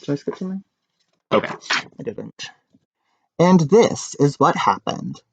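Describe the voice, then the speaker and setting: A man with a gravelly, fairly high-pitched voice reads a children's picture book at a measured pace. The telling is expressive, with casual side comments, and the room recording comes across muffled and echoey.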